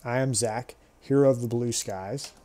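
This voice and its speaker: A man's voice: medium pitch, moderate pace, mellow, close to an everyday voice. A man reading game lines as a boastful young male sword hero, grandiose and demanding, with faint music behind. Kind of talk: reading game dialogue aloud.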